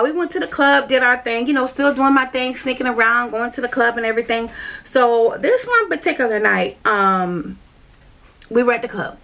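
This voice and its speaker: With a slightly high voice, vocal fry and a sharp tone, a woman vlogger speaks straight to her audience about her spiritual journey. It's casual personal storytelling, candid and rambling, thick with fillers and repeats.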